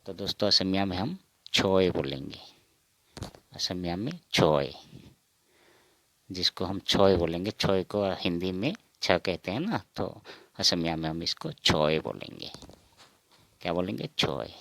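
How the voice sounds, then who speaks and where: A man teaching a counting lesson, saying each number slowly and asking and answering his own questions. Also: low-pitched, animated, gravelly, a bit bright. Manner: repeats each word, asks and answers himself. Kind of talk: slow spoken counting lesson.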